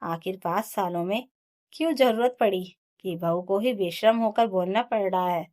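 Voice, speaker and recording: A woman's voice: medium pitch, moderate pace, darkish tone, natural voice. Woman voicing a hurt young wife. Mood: indignant. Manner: emotional, rising to impassioned protest. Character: young wife, hurt and pleading for her rights.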